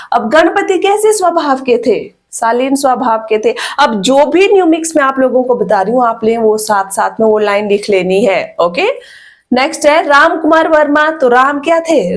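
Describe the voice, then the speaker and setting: Woman teacher drilling memory tricks. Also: a little high. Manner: repetitive teacherly questioning, frequent "ठीक है" and "okay". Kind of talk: exam-prep lesson with memory tricks.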